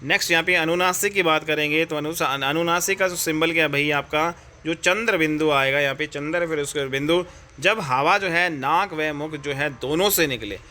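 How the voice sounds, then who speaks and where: A man with an Indian accent talks through a Hindi grammar lesson for exam students. His voice is bright and a little raised in pitch, and he keeps up a friendly, repetitive patter, calling the viewers friends and brother. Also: moderate pace. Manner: chatty, repeats fillers, addresses viewers as friends and brother. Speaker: Hindi teacher.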